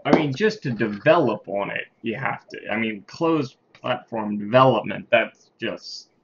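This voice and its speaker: A man leading an informal online team meeting, talking in a halting, casual way. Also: on the low side, expressive, gravelly. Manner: informal, halting, tallies votes aloud. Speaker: meeting leader. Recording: muffled call audio with faint noise.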